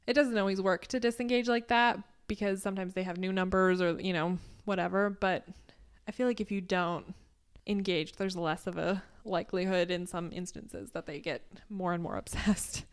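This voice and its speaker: A woman's voice: medium pitch, fairly even intonation, moderate pace, clean tone. A woman co-hosting a podcast, chatting casually and laughing lightly between phrases. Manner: chatty, laughs lightly mid-sentence, uses lots of "like". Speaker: podcast co-host. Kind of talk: casual chat.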